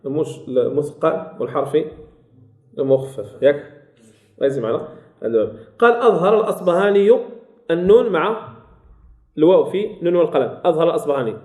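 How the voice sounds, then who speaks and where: A man's voice: a little high, lively intonation, a little fast, long pauses, a little mellow. A man with a Moroccan accent teaching the rules of Quran recitation in a classroom lesson. He repeats key phrases and quizzes his listeners as he goes. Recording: echoey room.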